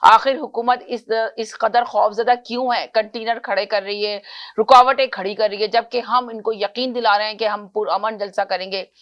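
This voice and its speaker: A woman's voice: medium pitch, steady tone, moderate pace, a bit bright, muffled recording. A woman hosting a political call-in talk show, earnest and questioning, often correcting herself mid-phrase.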